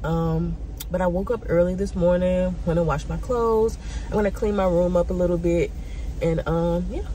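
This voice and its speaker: A woman's voice: lowish voice, steady tone, normal speed, mellow, a little hiss or hum. A young woman vlogging a casual check-in as a student, sounding a little congested and nasal, chatty with lots of fillers. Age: young adult. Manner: chatty, rambling, many "um" and "like" fillers.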